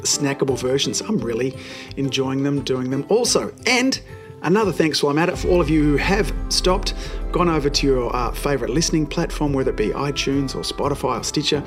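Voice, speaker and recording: An Australian man with a voice croaky from a cold, hosting a solo podcast in a chatty, explanatory way that addresses listeners directly. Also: on the high side. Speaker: podcast host, chiropractor.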